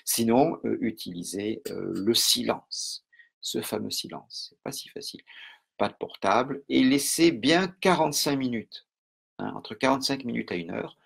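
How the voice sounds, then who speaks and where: Homme à la voix rauque et grave. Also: male voice, medium pitch, vocal fry, breathy edge. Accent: French. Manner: calm, measured, with many pauses and fillers. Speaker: mentalism teacher. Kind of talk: live online lesson.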